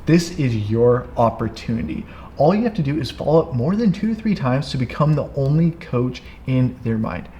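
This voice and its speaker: Energetic, emphatic young man coaching. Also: medium pitch, normal speed, dull audio, slight background noise. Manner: energetic, emphatic, repeats "here's the deal". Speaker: co-host, business coach. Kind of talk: casual teaching chat.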